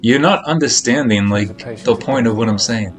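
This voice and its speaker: A man speaks at normal speed in a mid-range voice while casually chatting on a live game stream. There is noticeable background noise, and he sounds blunt, admonishing and repetitive.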